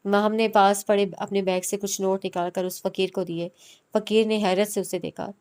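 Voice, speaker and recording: A woman reads a romance novel aloud as an audiobook narrator. Her voice is smooth and clear, at a middle pitch, and she tells the story at a steady, plain pace.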